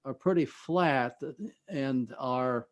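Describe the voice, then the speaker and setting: Speaking at a medium pitch, a man serves as an interview's expert guest. His explanations come haltingly and conversationally, with the ends of phrases frequently fading away.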